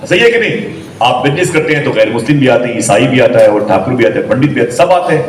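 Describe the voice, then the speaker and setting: A man's voice: mid-range voice, big pitch swings. A man preaching a storytelling sermon in a mosque, emphatic and often asking his listeners to agree. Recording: echoey hall, voice from a distance, faint noise.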